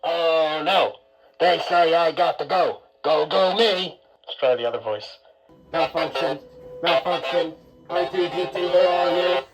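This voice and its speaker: A goofy Godzilla voice, as a man talks into a toy mask, bent by a cheap voice changer that morphs it up and down. It comes out slow and drawn out and sits a little high. Music plays clearly behind it. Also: rough recording. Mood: goofing around. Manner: playful, goofy. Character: male Godzilla speaking through a toy mask. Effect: toy mask voice changer, morphing pitch. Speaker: vlog host.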